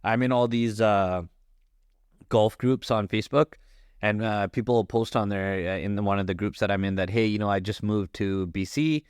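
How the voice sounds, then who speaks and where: A man's voice: fairly low pitch, normal speed, clean tone, no room sound, clean studio sound. A man co-hosting a podcast in casual chat, rambling with lots of "like" fillers. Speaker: podcast co-host.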